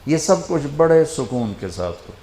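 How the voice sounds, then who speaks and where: An older man preaching an emotional sermon, telling a story with dramatic swings and dropping to a hush for quoted lines. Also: on the high side, sing-song, echoey room, slight background noise. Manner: dramatic, quotes figures in a hushed voice.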